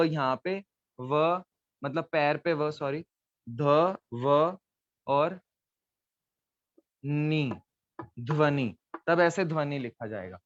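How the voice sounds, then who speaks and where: Male teacher, patient step-by-step explainer, slightly raised pitch, dry dull recording. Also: a bit bright, dry recording. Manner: patient, explains step by step, checks with "theek hai". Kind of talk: online Gurmukhi lesson at a board.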